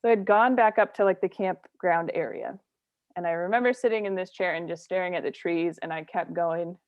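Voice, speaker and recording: A woman's voice: fairly low pitch, a little fast, no echo, phone-quality sound. A woman comedian telling a story in casual talk, often laughing and acting out what others said. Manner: laughs often, acts out quoted voices. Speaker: comedian guest.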